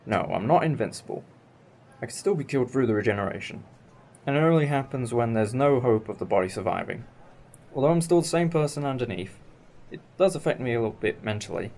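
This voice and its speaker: A man voices a time-travelling alien leader, wry and old-fashioned, in a fan audio drama, explaining with some hesitation in a wry, explanatory mood. His mid-range voice is expressive, a little mellow and fairly quick, lightly acted. It's an amateur recording with clear background noise.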